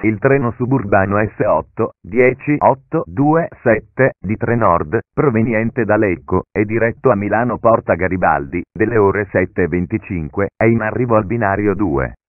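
Automated male train station announcement voice. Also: dry recording. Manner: measured, segmented phrases pieced together with uneven pitch jumps. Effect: announcement heard as a recorded station PA message. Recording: narrow, phone-like, dry PA audio.

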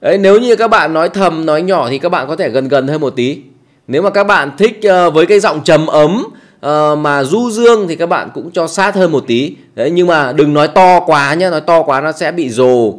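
A man's voice: on the high side, animated, moderate pace. Chatty man explaining. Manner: chatty, many fillers and repeats, tag words at ends. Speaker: tutorial host. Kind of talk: casual how-to tutorial. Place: small quiet closed room.

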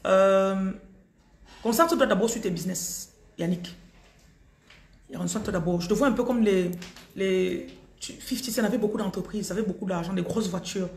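A woman's voice: mid-range voice, moderate pace, a little mellow. A woman with a Cameroonian French accent doing a live-stream energy reading, calling viewers by name and telling them what to do. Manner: calls out viewers' names repeatedly, gives direct advice. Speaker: spiritual reader on a live stream. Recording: roomy echo.

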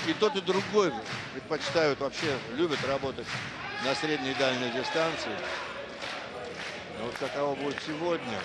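A man's voice: medium pitch, normal speed. A man giving live boxing commentary for a broadcast. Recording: very loud crowd and arena noise. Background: loud crowd.

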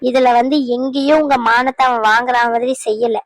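A woman plays a reasonable young daughter in a cartoon drama. She reasons gently in a high voice. The recording is close and dry. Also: steady tone, normal speed, no room sound, lightly acted, low-quality recording. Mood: reasoning. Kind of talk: cartoon dub acting.

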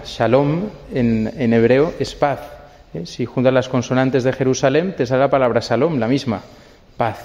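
A man's voice: mid-range voice, warm tone. A man, a priest, giving a conversational homily at a memorial mass, often tagging his sentences with a questioning "eh?". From Spain. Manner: conversational, keeps adding a tag "eh?". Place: church. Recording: long church reverb.

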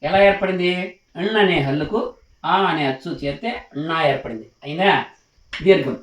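A man's voice: a little high, fairly quick. A man teaching a lesson on writing letters, patient and repetitive, often stopping to ask whether the class has understood. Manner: patient, repetitive, asks questions to check understanding. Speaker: Telugu teacher. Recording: echoey room, mic at a distance.

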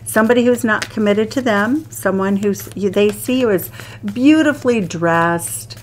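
A woman's voice: mid-range voice, moderate pace, a little hiss or hum. An Irish woman reading tarot cards to camera, enthusiastic and exclaiming over each card as she turns it. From Ireland. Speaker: tarot reader. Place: indoors at a card table. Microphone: hands only seen, overhead camera on table.

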